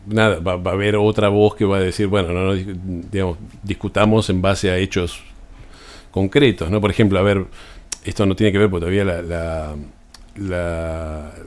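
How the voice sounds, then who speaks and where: In an unscripted talk about astrology, a man with an Argentine Spanish accent explains his subject in a deep, slightly mellow voice. He frequently restarts phrases and tacks on tag questions.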